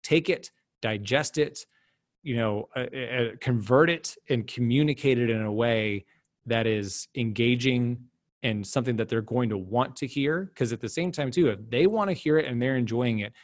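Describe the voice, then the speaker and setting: A man's voice: normal speed, dry recording. Emphatic man, dry close mic. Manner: emphatic, animated pitch jumps when making a point. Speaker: guest, business development director. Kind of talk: casual podcast interview.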